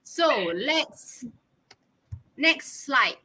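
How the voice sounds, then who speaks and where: A woman's voice: sits high, animated, very slow, bright, forceful tone. A woman in her twenties with a Malaysian English accent, casually presenting to her class, chatty and giggly, slipping Malay words in. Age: 20s. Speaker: student presenter.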